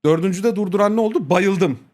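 High-voiced man telling a crude story. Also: fairly quick, darkish tone. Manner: crude and profane, keeps quoting others with repeated "he said"; laughs often while telling the story. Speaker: streamer. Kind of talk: casual storytelling chat.

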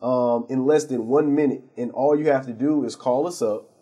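A man's voice: medium pitch, steady tone, moderate pace, mellow, breathy edge. A man, a pharmacy owner, explaining his services as a guest on a TV interview show, earnest and full of fillers and restarts. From St. Louis area.

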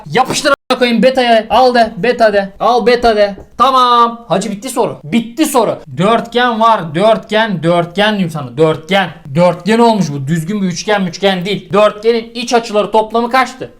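A man's voice: sits high, moderate pace, hardly any pauses, fairly bright tone. A man tutoring geometry in a comic lesson, scolding his student in an exasperated, crude way with swearing. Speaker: math tutor.

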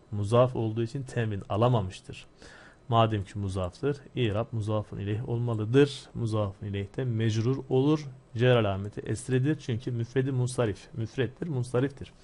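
A man teaching an Arabic grammar lesson, explaining step by step and asking and answering his own questions. He reads Arabic phrases slowly, then explains them quickly. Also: medium pitch, darkish tone.

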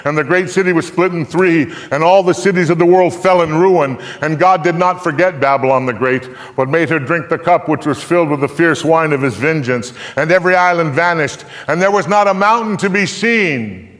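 This is a live dramatic reading of scripture by an older man in front of a theatre audience. He speaks with solemn, deliberate emphasis that swells from near-whisper to booming, and the hall's echo leaves a long reverb.

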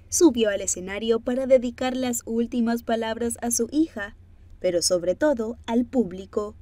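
A woman's voice: a little high, darkish tone, dry recording. A woman reading scripted narration for an entertainment news report.

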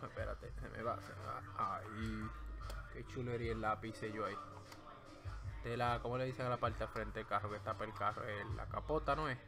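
A man's voice: lowish voice, fairly even intonation, normal speed, creaky, music in the background. A man with a Dominican Spanish accent, streaming from home as he draws and giving playful, rambling commentary into a desk microphone. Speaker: streamer drawing live. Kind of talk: joking running commentary while drawing.

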